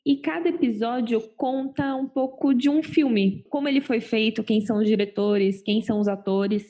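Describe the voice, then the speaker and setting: A woman's voice: on the high side, moderate pace, warm tone. A woman with a Brazilian Portuguese accent, talking in a casual, conversational way on a podcast. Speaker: podcast production crew member. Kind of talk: casual chat.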